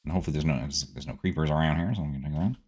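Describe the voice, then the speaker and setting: Rapid-fire and bass-voiced with a darkish tone, this man hosts a laid-back gaming video. As he plays, he banters with himself in a playful way, sprinkling in silly words and sing-song asides, let's-play style.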